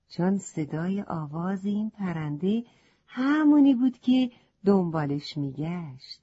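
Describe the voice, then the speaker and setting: A woman narrating a children's story, speaking gently to the young listeners, on a slightly muffled recording. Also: mid-range voice, slightly rough.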